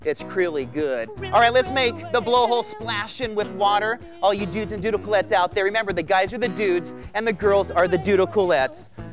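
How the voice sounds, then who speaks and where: An American man hosts a children's drawing show with hyped, excitable energy. His voice sits very high for a man and he talks in surfer-dude slang. Music plays clearly behind him. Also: brisk. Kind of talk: hyped kids' TV presenting, step-by-step drawing instruction. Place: TV studio set with children as audience.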